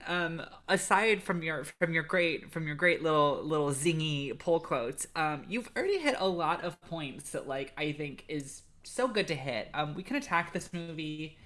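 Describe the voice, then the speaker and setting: A woman hosting a casual film podcast, talking in a hesitant way with many pauses and restarts. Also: low-pitched, fairly bright tone. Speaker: podcast host. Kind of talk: casual film review chat.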